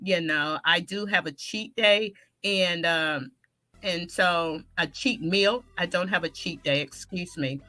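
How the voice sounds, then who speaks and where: Energetic female fitness guest, bright tone, chatty and quick to self-correct. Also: on the low side. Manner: energetic, talks through restarts and self-corrections. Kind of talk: casual interview talk.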